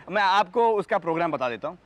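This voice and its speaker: An actor playing a bumbling, boastful young husband in a 1990s sitcom, loud and hammy, stammering when scared. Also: male voice, high-pitched, animated, normal speed. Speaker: lead comic character.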